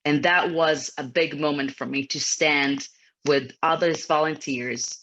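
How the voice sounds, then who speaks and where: Her voice sits low and fairly bright, her intonation fairly even and her pace a little slow: a Ukrainian woman in her thirties, speaking Ukrainian natively, recounts something personal and earnest as an interview guest. She is a federation executive, her phrasing is slightly non-native, and the dull lo-fi video call audio carries slight background noise.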